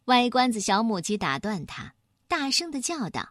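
A woman narrating a children's story in an expressive, animated way. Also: fairly high pitch, moderate pace, dry recording, studio quality.

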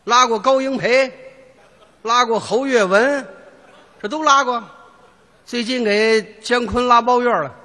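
A man's voice: very high-pitched, a little slow, long pauses, sharp tone. A man performing crosstalk comedy, telling a story as a taxi driver. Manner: storytelling, playing a cab driver. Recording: reverberant hall.

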